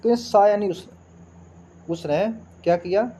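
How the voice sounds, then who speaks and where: Slow high-voiced Sanskrit teacher. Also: male voice, dark tone, slight background noise. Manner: reads verses slowly then explains word by word, asks rhetorical questions. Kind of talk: line-by-line text explanation lesson.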